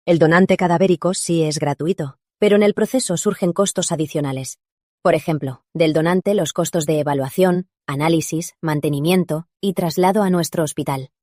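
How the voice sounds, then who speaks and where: A woman's voice: low-pitched, moderate pace, a little mellow, no echo, studio quality, natural voice. A woman voicing a composed young female surgeon who explains steadily and firmly, in a Spanish drama dub.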